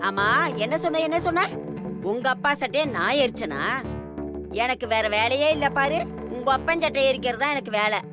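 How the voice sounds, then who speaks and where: Quarrelsome old grandmother, high-pitched, shrill, mocking, music underneath. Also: animated, moderate pace. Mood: scornful. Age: older. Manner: shrill, mocking, wailing exclamations. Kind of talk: TV serial acting.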